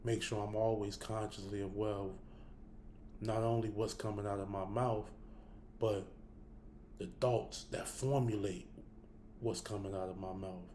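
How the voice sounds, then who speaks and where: A man's voice: on the low side, level tone, measured pace, long pauses, dark tone, a little hiss or hum. A man talking casually and bluntly to his listeners, cursing freely and thinking aloud, with the hiccups. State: has the hiccups. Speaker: host. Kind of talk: casual spoken reflection to camera.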